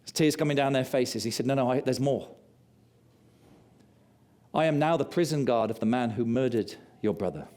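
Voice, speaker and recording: A man preaching a sermon, telling stories with passion and dropping low and quiet for confession. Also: moderate pace, pauses often. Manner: impassioned storytelling, rising loud on key lines.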